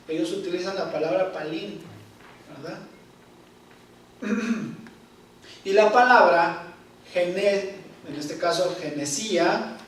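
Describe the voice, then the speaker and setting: Slow-paced man teaching in an echoey church hall. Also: sits high, far from the mic, a little hiss or hum. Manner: slow, repeats key words, checks in with "¿Ok?". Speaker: Bible teacher. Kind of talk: Bible study class.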